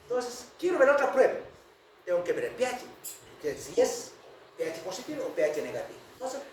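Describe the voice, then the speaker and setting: A man's voice: extremely high pitch, very animated, brisk, a little mellow. A man giving a medical lecture to students, who keeps checking in with his class as he talks. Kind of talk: university lecture. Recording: very echoey room, distant mic, noisy.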